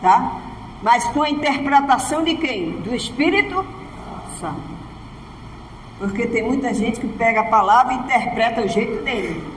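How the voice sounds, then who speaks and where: High-voiced Brazilian woman pastor preaching. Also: normal speed, slight background noise. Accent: Brazilian Portuguese. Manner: preaches emphatically, often asking the congregation "Amém?". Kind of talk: sermon. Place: church altar. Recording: echoey church hall.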